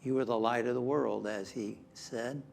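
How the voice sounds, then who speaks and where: A man leading a spiritual guided meditation in a calm, measured manner with long pauses. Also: mid-range voice, gravelly. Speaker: meditation leader. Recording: music behind the voice. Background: instrumental music.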